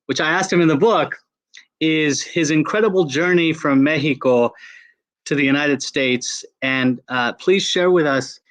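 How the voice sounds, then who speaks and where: A man's voice: a little high, a bit bright, no echo. Effusive male webinar moderator. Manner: effusive, uses fillers. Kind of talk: hosting a webinar.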